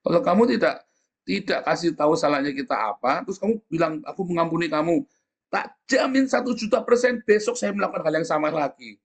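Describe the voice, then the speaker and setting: A man's voice: fairly high pitch, expressive, a little fast, husky. A middle-aged man preaching a sermon in a conversational way, often asking the congregation for agreement and acting out quoted speakers in a raised voice. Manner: conversational, often asks the audience "ya kan?". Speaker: pastor.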